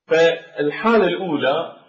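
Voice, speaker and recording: A man teaching a tajweed lesson, explaining pronunciation rules slowly and deliberately, repeating each example word. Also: on the high side, expressive, distant mic. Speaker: Quran recitation teacher. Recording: dull echoey room recording.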